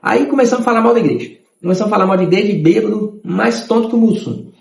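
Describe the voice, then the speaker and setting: Mineiro guy in his 30s telling his testimony, high gravelly voice, echoey room. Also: rapid-fire. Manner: animated storytelling, acting out voices. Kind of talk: personal conversion testimony.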